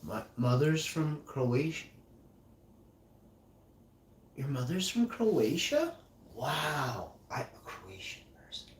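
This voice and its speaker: A man hosting a casual livestream, reading text aloud haltingly and rambling between lines. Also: mid-range voice, very animated, distant mic. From Icelandic and German parentage. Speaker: livestream host. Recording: echoey room, mic set back, faint hiss.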